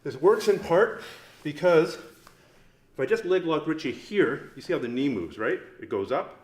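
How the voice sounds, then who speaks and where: Unhurried and expressive, a grappling instructor with a voice on the high side teaches in an echoey training mat room. He demonstrates on a partner with a casual, joking style, explaining each step along the way.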